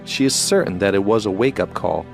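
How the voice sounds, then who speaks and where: Low-voiced male documentary narrator. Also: a little fast, gravelly, soft background music.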